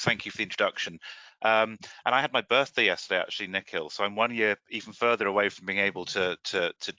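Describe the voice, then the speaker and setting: Bright, forceful lower-voiced man. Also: no echo. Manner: affable, repeats words as he starts. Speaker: research centre director, speaker. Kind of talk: webinar talk. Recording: dry, dull lo-fi call audio.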